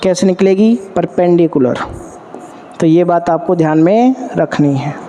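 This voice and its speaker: Male physics teacher, high and mellow-toned, drills the class with call-and-answer questions; long hall reverb. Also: unhurried, a little hiss or hum. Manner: addresses students warmly as 'beta'. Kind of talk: classroom lecture at a board.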